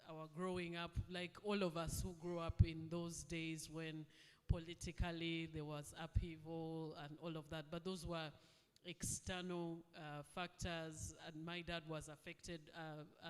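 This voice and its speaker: A woman from Uganda, answering as the guest at a fireside chat, measured and reflective with frequent pauses. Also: lowish voice, smooth, big-room sound. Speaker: guest speaker. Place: event hall.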